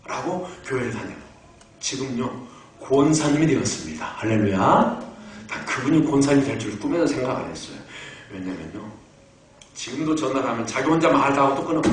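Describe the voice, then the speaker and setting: A pastor in his fifties preaches in a storytelling way, often putting questions to his listeners. His fairly high voice rings through a very echoey church, picked up from some distance over a faint hiss. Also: a bit bright. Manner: storytelling, asks the congregation questions. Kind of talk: sermon. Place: church sanctuary.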